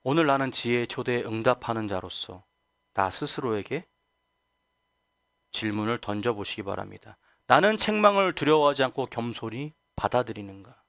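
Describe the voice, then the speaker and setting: A man's voice: medium pitch, animated, moderate pace, gravelly, fairly bright tone, no echo, clean studio sound. A male pastor preaching a Sunday sermon who asks the congregation rhetorical questions and acts out quoted voices. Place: church sanctuary.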